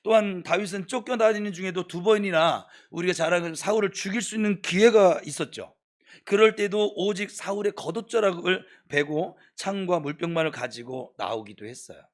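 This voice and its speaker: A male pastor delivering an evening prayer sermon in church, exhorting his congregation and swinging between soft explanation and scolding outbursts. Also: sits high, normal speed.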